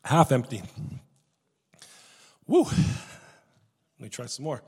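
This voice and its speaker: A man preaching a sermon as a pastor, animated, swinging from hushed, intimate moments to loud, emphatic ones. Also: medium pitch, takes it slowly, vocal fry, slightly rough. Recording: long echo of a church hall.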